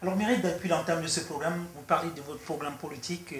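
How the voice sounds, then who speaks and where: A man with a slightly high voice interviews a guest at a quick pace, asking his questions hesitantly and with many fillers. The room is echoey, with faint noise in the background.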